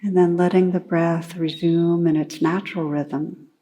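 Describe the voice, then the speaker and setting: A woman meditation teacher guides a meditation slowly in a low voice. She stays calm and unhurried, instructing gently with long pauses.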